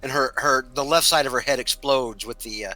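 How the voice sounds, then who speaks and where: A man's voice: medium pitch, fairly quick, bright, forceful tone, poor audio. A young man running a tabletop horror game as game master, narrating loosely with many fillers.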